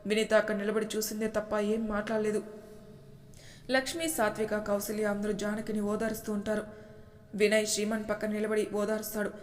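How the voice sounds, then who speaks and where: A woman storyteller narrating a family drama serial in a steady, even manner. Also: medium pitch, brisk, slight background noise. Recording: echoey room.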